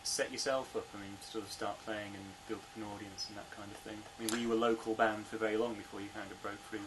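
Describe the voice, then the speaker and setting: Quick, low-voiced male interviewer. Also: level tone, fairly bright tone, a little hiss or hum, low-quality recording. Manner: hedging, filler-heavy questions. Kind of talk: interview questions.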